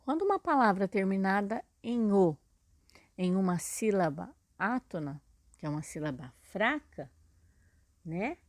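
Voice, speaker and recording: A woman's voice: mid-range voice, expressive, measured pace, no echo. Patient teacher woman, dry close sound. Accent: Brazilian Portuguese. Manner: patient, explains step by step with many "né?" and "tá?". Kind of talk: recorded video lesson.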